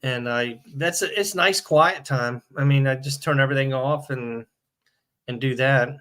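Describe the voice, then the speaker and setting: A man with a bright, forceful voice chats casually on a livestream over a video call. He is easygoing and agreeable, and he often chimes in with short replies. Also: mid-range voice, normal speed. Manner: easygoing, agreeable, frequent back-channel replies. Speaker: co-host.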